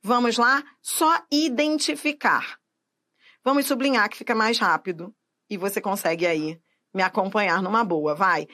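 A Brazilian woman teaches Portuguese grammar for exam prep in a didactic style, drawing out her syllables and checking in with the viewer. Her voice is medium-pitched with a sharp tone.

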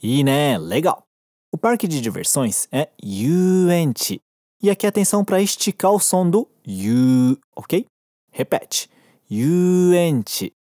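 A woman with a Brazilian Portuguese accent teaching Japanese in a recorded lesson, patient and encouraging, slowing down to model each phrase. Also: deep voice, very animated, dark tone, dry recording, clean studio sound.

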